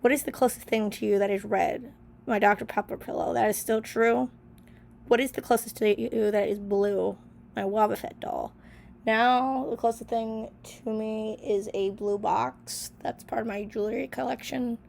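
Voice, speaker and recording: A woman's voice: fairly high pitch, steady tone, moderate pace, vocal fry, a little mellow. A young woman vlogger with a sick, stuffy voice, chatting casually as she reads old journal answers aloud and comments on each one with lots of fillers. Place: small bedroom in an apartment.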